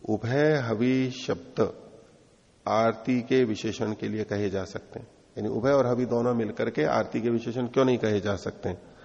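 A man's voice: fairly low pitch, creaky, darkish tone. A man teaching a Sanskrit philosophy text in class, reading lines aloud, explaining each one and dictating corrections. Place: teaching hall. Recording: dull lo-fi audio with long reverb in a hall.

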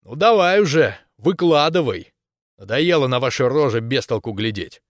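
A man's voice: medium pitch, animated, normal speed, no room sound, studio quality, natural voice. A man reading an audiobook and voicing a rude, mocking recluse who keeps threatening with a shotgun. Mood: gruff. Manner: rude, taunting, loud. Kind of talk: audiobook character voice.

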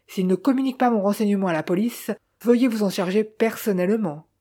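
A woman reading the part of an elderly woman doctor who speaks with courteous, measured insistence. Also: mid-range voice, warm tone, close to an everyday voice. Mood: earnest.

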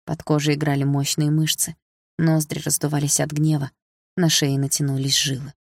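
A woman narrating an audiobook in the first person, calm and measured. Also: low-pitched, dry recording, studio quality.

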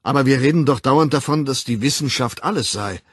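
A man's voice: medium pitch, brisk, slightly rough, no room sound, studio quality, voice pushed up, lightly acted. A man voicing a puzzled male scholar who asks surprised questions, in an audiobook. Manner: surprised, inquiring.

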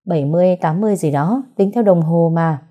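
Vai tài xế taxi: giọng nữ trầm khàn, nói nhanh, bâng quơ, dễ gần. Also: female voice, on the low side, fairly quick, dark tone, highs cut off, close to an everyday voice. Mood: offhand. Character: middle-aged male taxi driver, easygoing and kind.

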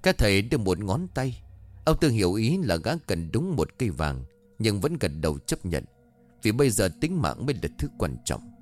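A man narrating a horror story in a dramatic, expressive way. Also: on the low side, normal speed, no room sound. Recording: faint background music.

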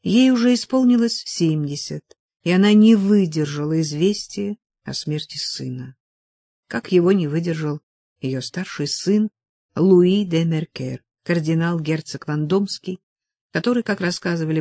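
A woman narrating a novel in a measured, expressive reading. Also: sits low, vocal fry, no room sound, clean studio sound. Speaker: audiobook narrator. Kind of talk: scripted narration.

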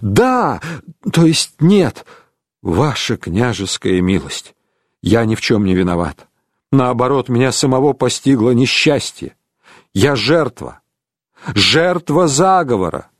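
A man's voice: medium pitch, sing-song, slow, dry recording, clean studio sound, pitched below the performer's own voice. Man reading a desperate young accused man. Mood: pleading. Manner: pleading, breathless urgency.

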